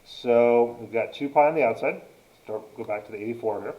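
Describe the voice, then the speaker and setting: A man's voice: mid-range voice, fairly quick, echoey room, muffled recording. A man teaching a math lesson, dictating each entry step by step as he narrates a calculator demonstration.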